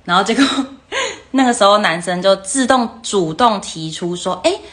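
A young woman with a Taiwanese Mandarin accent, hosting a livestream and telling a story in a lively, casual way, acting out the other people's voices. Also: moderate pace. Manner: lively, acts out quoted voices with jumps in pitch. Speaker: livestream host.

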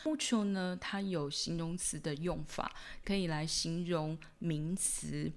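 A woman hosts a podcast lesson in a slightly low voice. She is patient and goes over each sound slowly, repeating it so learners can copy her. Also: a little mellow. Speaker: Spanish teacher and podcast host.

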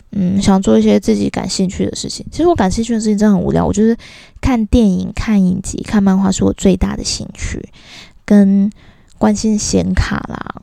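A Taiwanese-accented woman rants through a casual podcast monologue with a gravelly edge and a dark, mellow tone. The recording is dry and close, with no room sound. She sounds exasperated and keeps mimicking the people she complains about. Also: medium pitch, no echo. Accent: Taiwanese Mandarin. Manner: exasperated and venting, switching voices to quote people. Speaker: podcast host.

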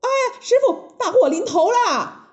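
A woman voicing a cocky male monkey king who gives brisk, raised commands. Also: a little high, very animated, darkish tone, highs cut off. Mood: alarmed.

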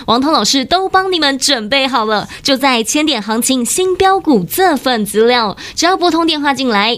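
A woman with a Taiwanese accent hosting in an infomercial style, pitching emphatically with gushing, repetitive salesmanship. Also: fairly bright tone. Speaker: TV show host and pitchwoman.

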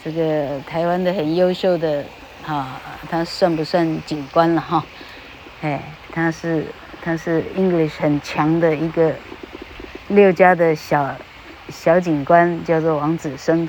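A woman's voice: low-pitched, steady tone, a little slow, darkish tone, slight background noise, low-quality recording. A woman giving a casual podcast lesson on English pronunciation. She talks into a podcast microphone in a chatty way, tagging her sentences with little fillers and stretching out the example words.

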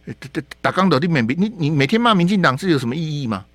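一位带台湾口音的男电台主持人，语气激动地评论时事，常连声反问、重复字句。. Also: male voice, on the high side, sing-song, rapid-fire, fairly bright tone, no echo. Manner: heated, rhetorical questions, repeats words. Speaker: radio talk show host. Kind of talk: opinionated political commentary. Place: radio studio.

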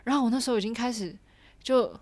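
A young woman casually telling a personal story, animated and chatty with lots of fillers. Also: on the high side, quick pace, no echo. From Taiwan.

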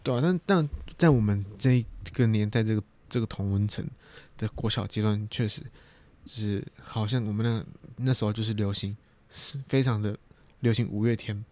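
A man's voice: on the low side, moderate pace, a little mellow. A young man hosting a podcast in casual chat, easygoing and a bit tired. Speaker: podcast host.

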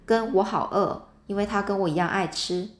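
A woman voicing a curious, lively twelve-year-old girl in a storybook reading, recorded in a roomy space. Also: mid-range voice, normal speed, close to an everyday voice. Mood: playful. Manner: lively, inquisitive, a little cheeky.

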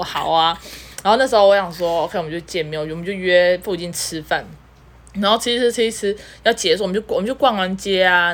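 A woman, co-hosting a casual podcast chat and telling stories quickly with giggles. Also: medium pitch. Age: 30s. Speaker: podcast co-host.

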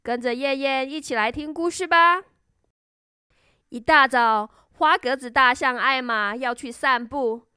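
A woman storyteller reading a children's story in a gentle, expressive way. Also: high-pitched, measured pace, clean tone, no echo, studio quality.

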